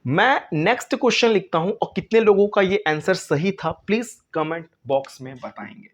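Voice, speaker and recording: A man's voice: sits high, normal speed. A man teaching chemistry in a casual online lesson, chatty and coaxing, calling students "beta" and mimicking their replies. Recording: slightly dull lo-fi recording.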